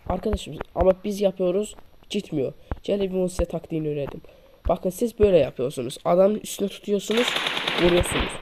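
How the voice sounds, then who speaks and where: Over noisy game gunfire and clicks, a man shares mobile shooter tactics in a relaxed screen-recording tutorial on a low-quality mic. He calls viewers his friends and keeps repeating each move as he demonstrates it.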